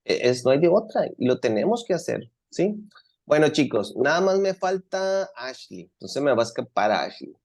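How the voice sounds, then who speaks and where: A man's voice: mid-range voice, very animated, normal speed, a little mellow. Earnest Mexican male English teacher. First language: Spanish. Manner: encouraging, earnest, repeats himself. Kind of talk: classroom talk to students.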